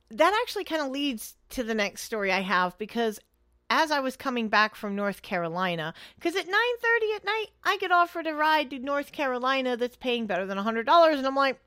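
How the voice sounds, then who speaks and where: A young woman with a slightly high voice tells stories in a blunt, salty, exasperated way. The sound is close and dry, with no room around it. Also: a bit bright, no echo. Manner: blunt, profane, exasperated storyteller. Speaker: co-host and rideshare driver. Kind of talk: casual storytelling chat.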